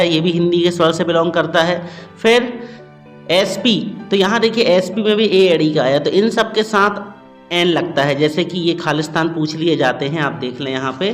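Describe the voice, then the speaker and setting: A man's voice: sits high, a bit bright. A man teaching a grammar lesson, explaining step by step to students and checking understanding often. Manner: addresses students as "bachcho".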